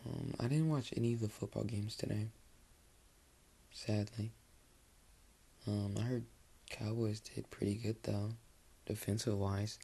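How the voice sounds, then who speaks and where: A man's voice: on the low side, creaky, breathy edge. A young man hosts a casual late-night solo podcast from his bed, rambling in a sleepy, dry voice. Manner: rambling, relaxed, sleepy, lots of fillers. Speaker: podcast host. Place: bedroom, sitting on his bed. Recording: faint hiss in the background.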